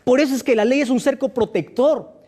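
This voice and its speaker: A man's voice: extremely high pitch, fairly quick, mellow. A pastor preaching a sermon, firing rhetorical questions at his listeners with emphatic delivery.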